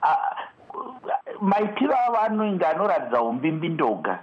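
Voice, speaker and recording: Male guest analyst, Zimbabwean Shona accent, highish voice, halting deliberate delivery, slightly muffled line. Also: big pitch swings. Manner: deliberate, halting, restarts words. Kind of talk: political commentary in a live discussion.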